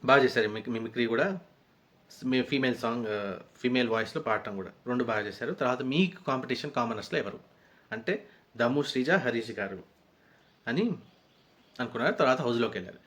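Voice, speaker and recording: Guy rambling thru a reality show recap, chatty, average pitch. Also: a little fast, pauses often, a bit bright. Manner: rambling, conversational retelling with frequent restarts. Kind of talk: casual episode recap.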